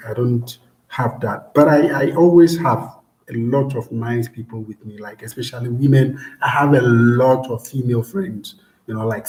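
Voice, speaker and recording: A man's voice: medium pitch, a little mellow. Easygoing Ghanaian man, echoey room. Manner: easygoing, repeats words, many fillers. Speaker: vlogger answering viewer questions. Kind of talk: casual live-stream chat.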